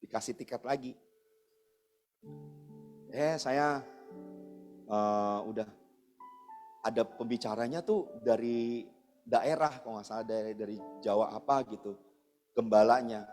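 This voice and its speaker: Male pastor preaching in a reverberant hall. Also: medium pitch. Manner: casual, chatty, addresses congregation directly. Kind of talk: storytelling sermon. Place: church service hall. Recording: long church reverb, soft guitar behind.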